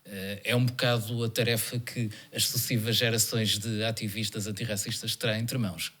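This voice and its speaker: A man, a guest on a studio talk show, speaking deliberately with pauses and fillers. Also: fairly low pitch, level tone, fairly bright tone.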